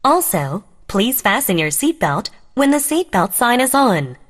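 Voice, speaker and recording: Very slow woman making a cabin announcement. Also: a little high, big pitch swings. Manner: formal, measured announcing. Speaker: flight attendant announcer. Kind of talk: plane cabin safety announcement, scripted.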